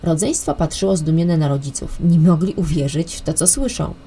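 Woman narrating a kids story, kinda low voice, faint hiss behind. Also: normal speed, warm tone. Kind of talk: children's audiobook narration.

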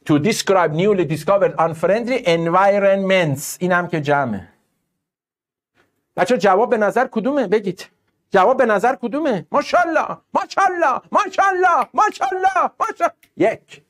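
A man teaching an online exam-prep English class, speaking animatedly to his students and the live chat. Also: high-pitched.

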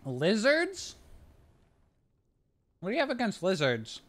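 Young male streamer from Taiwan, relaxed and chatty, headset mic, home room. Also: high-pitched, takes it slowly. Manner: relaxed, chatty, reads and answers chat questions. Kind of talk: casual chat with viewers while playing a card game. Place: small room at home, indoors.

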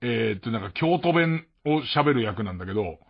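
Heard on a muffled mono archive recording, a late-night radio host from Tokyo wanders through a light, self-mocking monologue in a Tokyo accent, laughing often. His voice is medium-pitched, animated and gravelly, a little fast, with a breathy edge.

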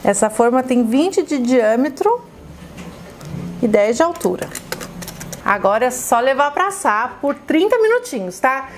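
In a bright, high voice with big pitch swings, a Brazilian Portuguese-accented woman walks through a recipe in a chatty kitchen demonstration, a little slow and pausing often. An effusive, exclamatory cooking host, she keeps calling her viewers her loves, while a faint hum sits behind her.

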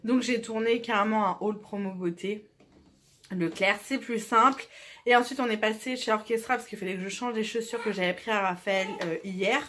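A woman's voice: mid-range voice, moderate pace, slight background noise. A young woman chatting casually at home as a vlogger, full of fillers and asides. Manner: chatty, many fillers, drops to a hushed murmur in the evening. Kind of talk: casual chat.

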